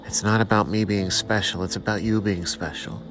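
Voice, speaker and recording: A man's voice: lowish voice, fairly even intonation, moderate pace, music in the background. A man hosting his own show in a rambling, self-mocking, preachy solo monologue. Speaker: podcast host.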